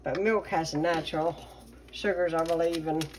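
A middle-aged woman chatting casually through a home baking vlog, relaxed and talkative with plenty of ums. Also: low voice, moderate pace, a little hiss or hum. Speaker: home cooking vlogger. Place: home kitchen.

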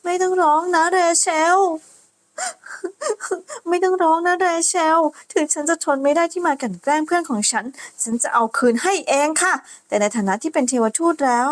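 A sweet young noblewoman with a high, soft voice, polite and gentle on the surface but coolly cutting when she puts someone in their place, as a woman reads her part. The tone of an illustrated story recap. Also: animated, moderate pace. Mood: soothing.

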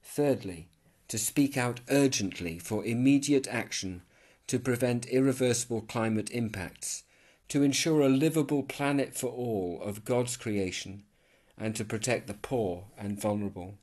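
A man reading out a formal letter as scripted narration, measured and even. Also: mid-range voice.

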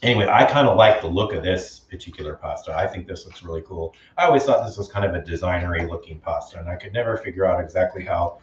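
A man's voice: deep voice, fast talker, few pauses. An enthusiastic man chats his way through a home cooking live stream, reading viewer comments aloud. He sits back from the mic in an echoey room, and the sound is dull and lo-fi. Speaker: cooking show host. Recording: roomy, distant, dull live-stream audio.

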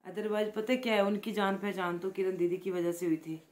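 A woman from Himachal Pradesh talking softly and chattily in a casual vlog, showing gifts and praising them again and again. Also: medium pitch, steady tone, normal speed. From Himachal Pradesh, India. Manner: chatty and affectionate, repeats words of praise; speaks softly, close to the mic. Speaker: vlogger.

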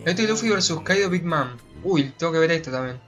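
Young man, Argentine accent, higher-pitched, casual reaction host, exclamatory, repetitive phrasing, music behind. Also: animated, fast. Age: young adult. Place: small room indoors. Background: music from the anime video.

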